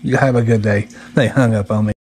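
A man's voice: fairly low pitch, fairly even intonation, brisk, darkish tone. A man chatting casually on phone calls, teasing the callers in a folksy way. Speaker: prankster taking telemarketer calls. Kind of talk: casual joking phone chat. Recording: faint background noise.

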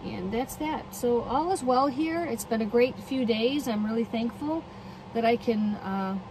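A woman's voice: fairly high pitch, measured pace. A middle-aged woman chatting casually on her van camping vlog, upbeat and thinking aloud as she shows things around her parked minivan. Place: inside a parked minivan, heater running. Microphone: phone camera held or mounted close. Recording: steady heater noise behind.

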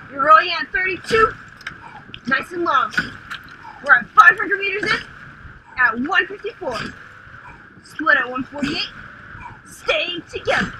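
A young woman coxswain in a rowing shell, calling clipped, rhythmic stroke commands through the boat speaker, building to urgent shouts on the power pushes. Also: high voice. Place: outdoors on the water in a rowing shell. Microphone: coxswain headset mic. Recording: noisy outdoor coxswain headset recording.

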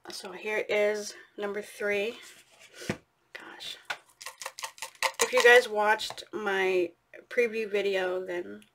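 A woman's voice: mid-range voice, flat delivery, takes it slowly, a bit bright, a little hiss or hum. A woman hosting a casual giveaway announcement, chatting informally and speaking straight to her viewers. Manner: chatty, informal, addressing viewers directly as "you guys". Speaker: host of an art channel giveaway. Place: indoors at a craft table, overhead camera.

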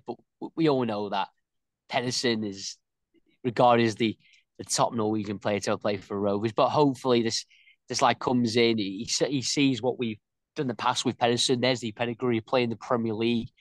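Male co-host, mid pitch, halting and ummy, dry close recording. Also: fairly even intonation, no room sound. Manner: hesitant, lots of ums and restarts. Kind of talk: casual fan reaction chat.

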